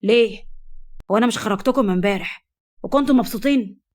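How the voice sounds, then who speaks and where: A woman voicing a cold, teasing, jealous husband in a storybook reading, with an Egyptian accent and a cool, deadpan delivery. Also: fairly low pitch, racing, natural voice.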